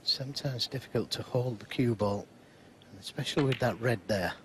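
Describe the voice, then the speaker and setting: Unhurried male snooker commentator with background noise. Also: mid-range voice. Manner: measured, unhurried remarks in short phrases. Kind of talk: sports commentary. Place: live snooker broadcast commentary.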